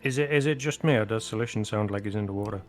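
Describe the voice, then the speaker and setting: A man's voice: lowish voice, very fast, faint music behind. A man chatting casually as a player in a tabletop game.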